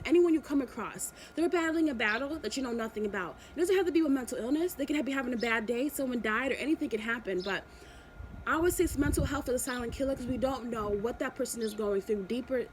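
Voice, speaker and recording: A woman on the high side vocally talks through a motivational YouTube vlog, with a little hiss or hum audible. Her style is affectionate and meandering, marked by frequent restarts and repetition.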